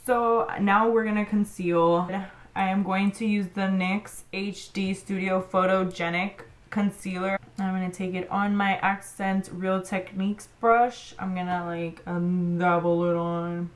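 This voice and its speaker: A woman's voice: medium pitch, level tone, a little slow. A woman beauty vlogger talking viewers through a makeup tutorial in a chatty, informal way, as if to friends. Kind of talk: casual makeup tutorial chat.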